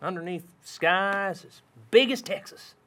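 A woman's voice: mid-range voice, measured pace, a bit bright, faint music behind, close to an everyday voice. A woman playing a drawling, folksy cowboy man in a children's video.

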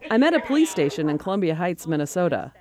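Brief: documentary reporter, lowish woman's voice, lively intonation, dry studio. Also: fast talker. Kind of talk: scripted narration.

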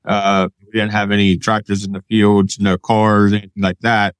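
Male guest from pennsylvania, lowish voice, dry close sound, matter-of-fact telling. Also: little pitch movement, normal speed, clear, resonant tone, no room sound. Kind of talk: casual interview storytelling.

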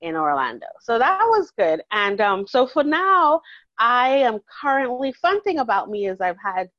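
A Bahamian woman in her forties, a counselor talking warmly and chattily in an interview, laughing easily. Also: fairly high pitch, very animated, moderate pace, dry recording, lo-fi sound. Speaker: counselor and guest. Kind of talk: casual interview conversation.

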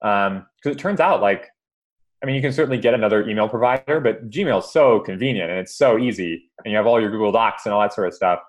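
A man from Hawaii appears as a podcast guest in a casual interview chat, speaking hesitantly with many ums and repeated words. His voice is on the low side, and he talks fast.

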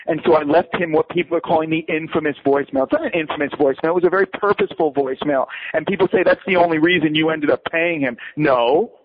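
A man being interviewed, telling a long story in a lively way and acting out other people's heated lines. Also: fairly high pitch, quick pace, hardly any pauses. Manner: quotes others in raised, heated voices. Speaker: poker player and guest. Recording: muffled lo-fi radio audio.

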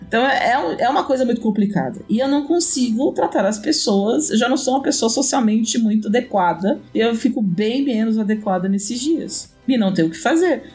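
A woman's voice: on the high side, brisk, hardly any pauses, faint music behind. A woman co-hosting a podcast, chatting casually and telling stories dramatically. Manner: animated, dramatic storytelling. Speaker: podcast co-host. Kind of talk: casual chat.

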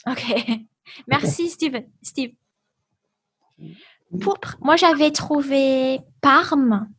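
A woman's voice: high-pitched, extremely slow, a bit bright. A woman teaching a language class over a video call. She is patient and encouraging and slips into English to explain words. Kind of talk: online class, teaching vocabulary.

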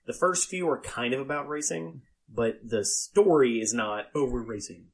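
A man hosting a podcast in casual chat, emphatic and halting, repeating himself and swearing freely. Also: mid-range voice, husky. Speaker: podcast host.

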